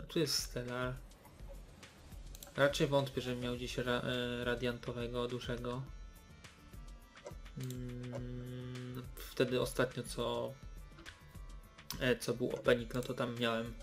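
A young man giving casual, hesitant commentary while opening game loot boxes, with many fillers and restarts. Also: mid-range voice. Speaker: gaming YouTuber.

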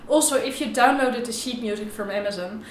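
A young adult woman, a violin teacher, gives an informal, explanatory tutorial to camera with slightly non-native phrasing. Her voice is a little high and a little fast, with some hiss or hum. The room has a roomy echo, and violin playing comes in at times.

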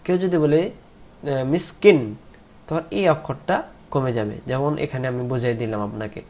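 A man teaching Quran pronunciation in a slow lesson, spelling out letters one by one and drawing out the recited words. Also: mid-range voice, lively intonation, a little mellow. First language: Bengali.

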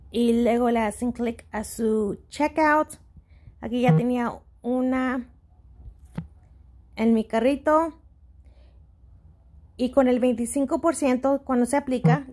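A woman's voice: on the high side, steady tone, takes it slowly, long pauses, a little mellow. A woman in her Spanish, hosting a casual step-by-step tutorial, a little hesitant and mixing in English words. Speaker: host of a shopping tutorial channel.

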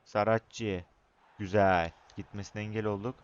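A young man commentating his own football video game match, excitable, shouting at his players and chatting to viewers. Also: on the low side, normal speed, clear, resonant tone, highs cut off. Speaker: gaming YouTuber.

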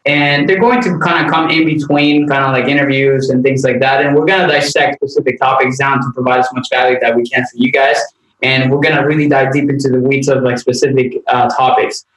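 A man's voice: mid-range voice, little pitch movement, fairly quick, fairly bright tone, echoey room, poor audio. A man hosting a casual nutrition podcast, talking in an easygoing, rambling way with many restarts. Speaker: podcast host, nutrition coach.

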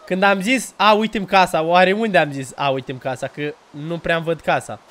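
A young man hosting a gaming video, chatting casually and jokily to viewers and yelping when startled. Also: on the high side. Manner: excitable, jokey, yelps when startled, chatty asides to viewers. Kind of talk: casual gameplay commentary.

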